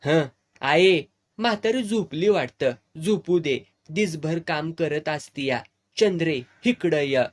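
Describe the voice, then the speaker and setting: A man's voice: a little high, lively intonation, takes it slowly. A man voicing a practical, firm village man who served as a soldier, in a storybook reading. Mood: hushed.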